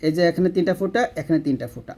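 A man's voice: on the high side, rapid-fire, dark tone. A man teaching Quran reading in a spoken lesson, patiently explaining and repeating words. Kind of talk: casual spoken lesson with slow recitation examples.

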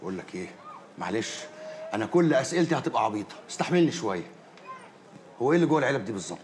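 A man's voice: mid-range voice, big pitch swings, very fast, a little mellow, a little hiss or hum, natural voice. An actor playing a young male engineer, sarcastic and then furious, in an Egyptian accent. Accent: Egyptian Arabic. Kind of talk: TV drama acting.

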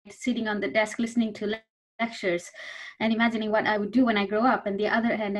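A woman in her thirties from Bangladesh, a food security researcher speaking on an online panel with earnest personal storytelling over a video call. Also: mid-range voice. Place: indoors before a virtual backdrop.

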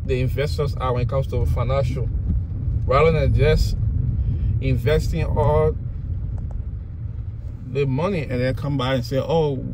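A man's voice: mid-range voice, fairly even intonation. A man talking casually while he drives and films, repeating himself with emphasis and restarting his sentences. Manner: repetitive, emphatic, halting with restarts. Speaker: vlogger touring a site. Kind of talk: casual narration while driving. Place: in a car, outdoors in open land. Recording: outdoor recording with clear car noise.

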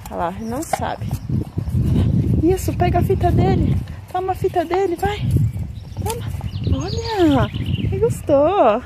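A woman's voice: very high voice, big pitch swings, measured pace, pauses often, heavy background noise. A woman filming her dogs on a phone, talking to them in coaxing, sing-song baby talk. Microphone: phone camera.

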